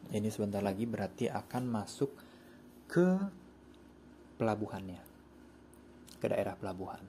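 A man's voice: lowish voice, normal speed, a little hiss or hum. Laid-back young man. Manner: relaxed slangy chatter while playing. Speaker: gaming channel host. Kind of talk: casual game commentary.

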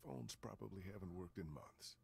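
A man's voice: low-pitched, moderate pace, vocal fry, a little mellow, a little hiss or hum. An actor playing a weary, level-headed, middle-aged male survivor in a naturalistic video game drama. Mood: calm, searching.

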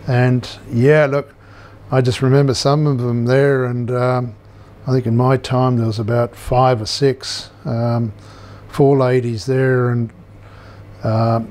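A man in his sixties with a middle-pitched voice looks back on his working days. He talks in a relaxed, meandering way with plenty of fillers, recorded over a video call from an indoor room. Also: slow pace. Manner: relaxed, reminiscing, many fillers. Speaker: interviewee. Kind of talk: oral history recollection.

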